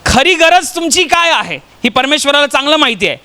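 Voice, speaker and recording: A man's voice: extremely high pitch, very animated, brisk, pushed and bright. A man from Maharashtra preaching a sermon, telling stories and putting rhetorical questions to the congregation. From Maharashtra, India.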